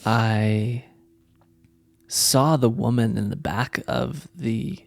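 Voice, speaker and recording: A man co-hosting a casual spiritual chat, telling a story with laughter and sudden loud, high exclamations. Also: drawn-out words, gravelly.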